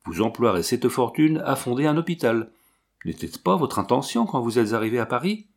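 A man's voice: medium pitch, big pitch swings, a little fast. A man voicing an ardent, wounded young officer who speaks earnestly and urgently.

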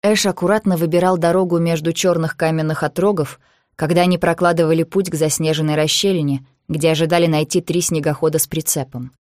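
An audiobook narrator giving a measured, even reading of a thriller novel. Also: mid-range voice, no room sound, studio quality.

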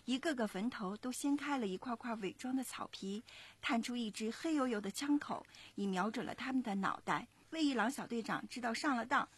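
Husky-voiced mother telling a story. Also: fairly high pitch. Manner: expressive, measured storytelling. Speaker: parent storyteller. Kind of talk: storybook narration for children.

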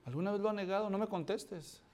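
A man with a high-pitched voice preaches a sermon to his congregation. He tells the scripture story dramatically, shifting between loud outbursts and hushed asides, and keeps asking the listeners questions. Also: fast. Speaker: pastor.

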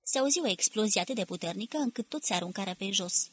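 Husky woman reading a novel aloud. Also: mid-range voice, expressive. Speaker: audiobook narrator. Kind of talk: scripted literary narration.

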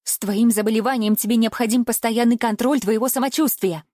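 A woman's voice: on the high side, steady tone, a little fast, a little mellow, no echo, studio quality, lightly acted. A woman voicing an anxious, overprotective middle-aged mother who scolds her daughter in an audiobook. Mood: scolding.

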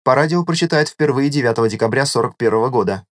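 A man voices a precise, matter-of-fact advisor in an audiobook, lecturing with calm certainty. The recording is dry and close. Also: medium pitch, quick pace, dry recording, voice pushed up, close to an everyday voice.

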